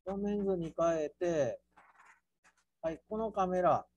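A man with a Kansai accent teaching an architecture class through a software task, playful, with sound words and mock squeals. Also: high voice, slow pace, dry recording, highs cut off. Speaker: architecture instructor.

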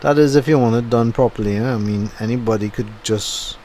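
Here the host's voice sits mid-range and moves fairly quickly, a little mellow in color. He's a middle-aged man at home commenting casually on his driving video after the fact, wandering and using fillers, with a faint hiss or hum in the recording.

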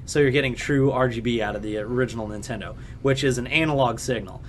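A man's voice: medium pitch, quick pace, a little hiss or hum. A man co-hosting a podcast in casual chat, explaining technical gear at length with many fillers. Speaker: podcast co-host.

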